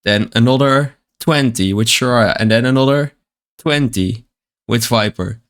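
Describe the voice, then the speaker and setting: A man's voice: medium pitch, a little slow. A man with the hiccups, reading card text aloud and explaining it plainly in a casual card-by-card deck walkthrough. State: has the hiccups.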